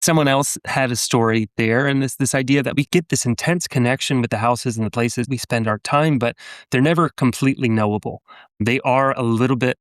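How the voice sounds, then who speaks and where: A man from New Orleans talks as a podcast guest, musing through his answers with plenty of fillers and restarts. His voice sits at a middle pitch and is recorded close and dry, with no room sound. He comes across as reflective. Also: a little fast, no room sound. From New Orleans, United States. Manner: rambling, thoughtful, many fillers. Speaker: novelist guest. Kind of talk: podcast interview.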